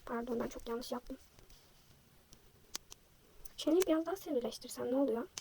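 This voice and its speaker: A young woman vlogger chatting casually while she draws, self-deprecating and thinking aloud, her voice slightly hoarse from a sore throat. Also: high-pitched, normal speed, background noise. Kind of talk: casual chat while drawing.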